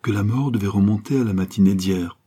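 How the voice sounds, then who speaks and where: A man playing a middle-aged country doctor who lays out his reasoning calmly. The voice is low, dark and husky, steady in a spoken story. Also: a little fast.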